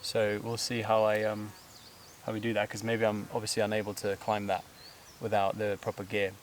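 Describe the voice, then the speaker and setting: A man's voice: on the low side, completely flat delivery, normal speed, slight background noise. A man talking to the camera while climbing a steep trail outdoors, out of breath, rambling loosely with fillers and laughs. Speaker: vlogger. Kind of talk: casual talk to camera while hiking. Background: buzzing insects.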